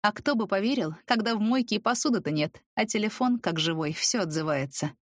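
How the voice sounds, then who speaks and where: Woman, first-person audiobook narration, soft and even, very dry close sound. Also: medium pitch, a little fast, dry recording. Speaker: audiobook reader.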